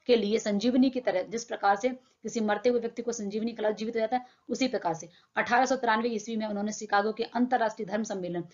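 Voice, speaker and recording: A woman's voice: on the high side, steady tone, fast, few pauses, a little mellow. A young woman teacher explaining a textbook lesson in plain words, asking her own questions and answering them. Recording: dull lo-fi sound.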